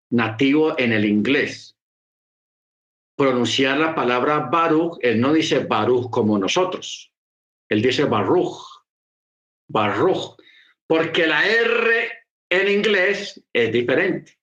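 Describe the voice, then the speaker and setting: A man's voice: a little high, expressive, slow pace, fairly bright tone, roomy sound, lo-fi sound. A man preaching a sermon, explaining patiently and repeating key phrases for emphasis. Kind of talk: sermon teaching.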